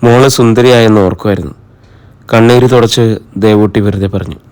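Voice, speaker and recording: A man reading a novel aloud as an audiobook narrator, in steady, measured scripted narration. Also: lowish voice, smooth.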